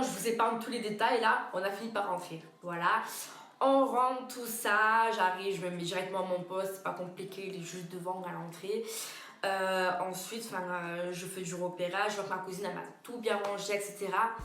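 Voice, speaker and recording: A young woman vlogger telling a story in a chatty, slangy way, bursting into loud, indignant quotes. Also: mid-range voice, fairly even intonation, normal speed, roomy sound. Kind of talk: casual storytime to camera.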